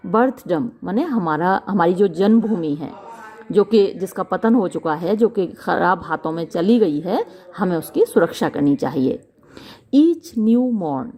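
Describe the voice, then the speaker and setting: Slow, mellow-voiced woman teacher. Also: fairly low pitch. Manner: reads English lines slowly, then glosses each word in Hindi. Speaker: literature teacher. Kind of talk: line-by-line lesson explanation.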